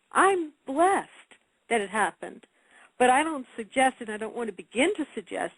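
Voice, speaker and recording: A woman's voice: a little high, breathy edge, no room sound, poor audio. A woman speaking as a guest in an interview, earnest and cautious, talking about Reiki healing. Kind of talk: interview conversation.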